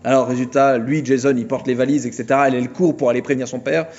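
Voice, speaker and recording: A man giving an informal philosophy lecture, retelling a film plot with mocking, animated storytelling. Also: medium pitch, fast, highs cut off.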